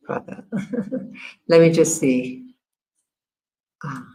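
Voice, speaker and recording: Host: low-pitched American woman, unhurried, halting livestream chat. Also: very animated, mellow, rough recording. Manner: halting, many fillers and restarts while working the screen. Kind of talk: casual livestream commentary.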